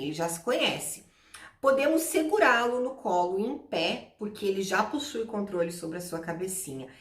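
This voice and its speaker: A woman who teaches English, giving parenting advice in an explanatory vlog and talking straight to mothers and fathers. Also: fairly low pitch. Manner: explanatory, addresses parents directly. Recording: roomy echo, voice from a distance.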